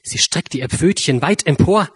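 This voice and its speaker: A man reading a rhyming children's story aloud with a lively, drawn-out delivery. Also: on the high side, breathy edge, no room sound.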